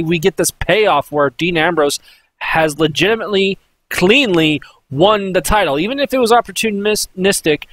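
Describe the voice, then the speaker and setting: A man giving a casual, excitable wrestling review, swearing and restarting often with fillers. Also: a little high.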